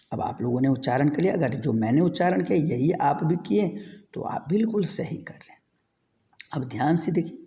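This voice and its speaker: A man's voice: fairly high pitch, vocal fry, mellow, long reverb tail. A middle-aged man teaching a Sanskrit lesson to children, patiently repeating each word and asking questions. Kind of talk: classroom lesson over a screen recording.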